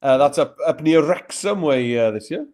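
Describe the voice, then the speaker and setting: A man's voice: on the high side, lively intonation, normal speed, darkish tone. A Welsh man co-hosting a live lesson, explaining things casually with light banter.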